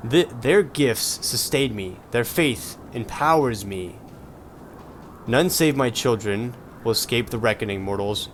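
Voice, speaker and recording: A man's voice: medium pitch, slight background noise, lightly acted. A man voicing a haughty, wrathful goddess villain from a video game, reading the lines in a grandiose, menacing way. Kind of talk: reading game dialogue aloud dramatically. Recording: game music behind.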